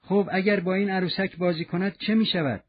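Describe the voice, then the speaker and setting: A man voicing a calm, kindly male stranger in a storybook reading, speaking quietly and gently. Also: high-pitched, phone-quality sound. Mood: gentle.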